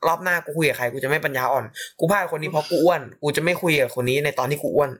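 A young man hosting a laid-back podcast with his friends. He speaks in a fairly high voice, blunt and full of crude slang as he hands out frank advice. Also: racing, fairly bright tone. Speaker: podcast host. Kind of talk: casual podcast chat among friends.

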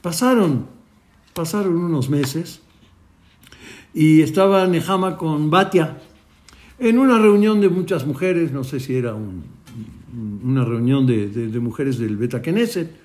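A man's voice: on the high side, a little slow. A rabbi retells a story, acting out its dialogue and often restarting his phrases. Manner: lively retelling with quoted dialogue and many restarts. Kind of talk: storytelling talk.

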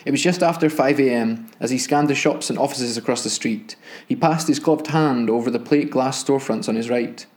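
A man reads a crime novel aloud in steady, measured audiobook-style narration. His voice sits in a middle register with an even delivery. He is a podcast host taking a turn as reader. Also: mid-range voice.

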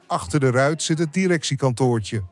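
A man giving calm, descriptive scripted narration for an audio drama. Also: mid-range voice, normal speed, a little hiss or hum.

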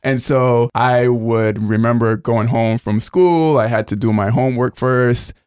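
A man's voice: mid-range voice, steady tone, a little slow, a little mellow, smooth, no echo, clean studio sound. A man from Barbados, hosting an interview in a friendly, chatty way with long questions. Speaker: interview host. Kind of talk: conversational interview.

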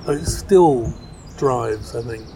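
This designer from South London, a middle-aged podcast guest, speaks slowly at medium pitch. It's an informal, meandering pub chat with a busy crowd audible behind him.

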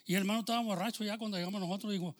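A man preaching a sermon, shifting between loud proclaiming and quiet, confiding testimony. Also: sits high, steady tone, rapid-fire. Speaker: pastor.

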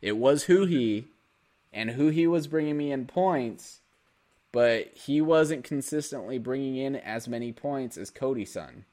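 A young man co-hosting a casual esports podcast, animated and joking. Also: mid-range voice, unhurried. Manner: animated, joking, goofy put-on voices. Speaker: podcast co-host.

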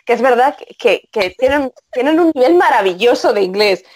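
A woman's voice: on the high side, normal speed, breathy edge. A woman from Spain with a Spanish accent, chatting as a guest translator and acting out the dialogue she quotes. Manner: animated, acts out quoted dialogue. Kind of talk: casual podcast chat.

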